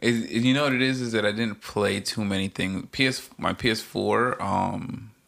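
Male co-host, lowish gravelly voice, slangy and informal, casual conversation. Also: fairly even intonation, moderate pace, fairly bright tone. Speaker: podcast co-host. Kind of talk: casual chat.

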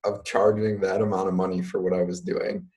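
A young man in his twenties speaks casually as a guest on a podcast, with a very low voice. He fills his talk with ums and likes and keeps an easygoing tone. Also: little pitch movement, brisk, darkish tone. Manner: casual, many fillers like "like" and "um". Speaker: guest entrepreneur. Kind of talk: podcast interview.

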